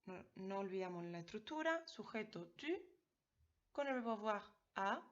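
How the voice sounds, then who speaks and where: A woman walks her students through a grammar lesson, clear and patient, often checking they follow. Her voice sits at a middle pitch. The recording sounds a little dull and lo-fi. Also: lively intonation, normal speed. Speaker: French teacher. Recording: slightly dull lo-fi audio.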